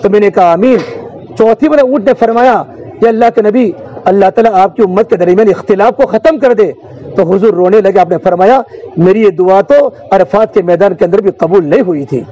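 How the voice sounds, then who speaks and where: Impassioned high-voiced preacher, rhythmic oratory. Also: male voice, warm tone, dull audio. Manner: emotive rhythmic oratory with repeated refrains and recited verse. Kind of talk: sermon.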